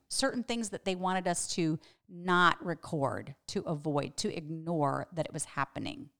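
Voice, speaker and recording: A middle-aged woman hosting a devotional podcast, teaching earnestly and asking her listeners searching questions. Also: fairly low pitch. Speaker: podcast host and Bible teacher.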